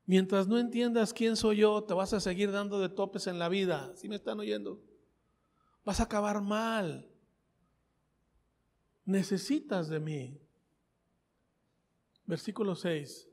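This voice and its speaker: Man, Mexican accent, preacher, high voice, conversational sermon, long church echo. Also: takes it slowly, pauses often, darkish tone. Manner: conversational, repeats phrases, asks the congregation questions. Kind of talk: sermon with personal testimony. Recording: reverberant church hall.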